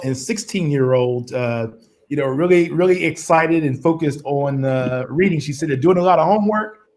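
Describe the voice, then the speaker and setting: A man's voice: medium pitch, a little mellow. A man co-hosting a virtual reading event, heard over a crackly, staticky call line, encouraging a child guest. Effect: crackly, staticky phone-like line. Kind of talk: casual online event hosting.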